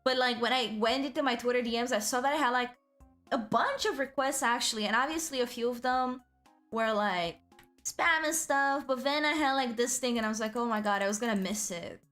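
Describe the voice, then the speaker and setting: A woman with a fairly high voice streams in a cute anime streamer manner. She chats casually and rambles through her asides with an excitable streak. Music plays behind her. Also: fairly quick. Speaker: VTuber livestream host. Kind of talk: casual livestream chat.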